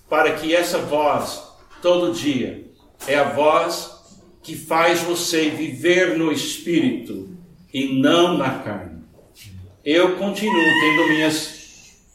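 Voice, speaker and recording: A man with an American accent in Portuguese delivers an earnest church sermon at an unhurried pace. His voice is on the high side and carries through a very echoey room. He leans on key phrases, repeating them for emphasis. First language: English. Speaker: guest preacher. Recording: echoey church hall, distant, noisy.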